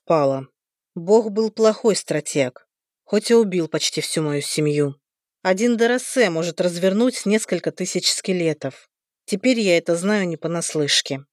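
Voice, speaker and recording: A woman narrating a first-person fantasy audiobook in an even, expressive storytelling manner on a close mic. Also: fairly low pitch, no room sound.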